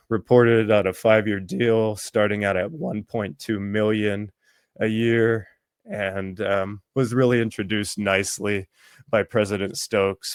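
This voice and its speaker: A man hosting a sports podcast in casual talk, his voice worn from allergies, halting with many ums and restarts. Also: lowish voice, smooth, no echo. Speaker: podcast host.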